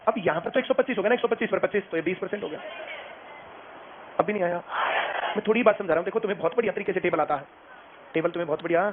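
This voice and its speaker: A man's voice: high voice, very fast, pauses often, a crowd in the background. A man teaching a maths class. He keeps asking the students whether they have understood. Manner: drilling, asks students if they understood again and again. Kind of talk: classroom lecture. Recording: lo-fi phone-like sound, classroom noise behind.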